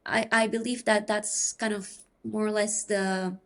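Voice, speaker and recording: Woman, researcher on a podcast, slow careful explaining, gravelly fry in the voice. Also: mid-range voice, flat delivery. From Peru. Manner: measured, explanatory, thinks aloud. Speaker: academic researcher guest. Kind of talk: podcast interview.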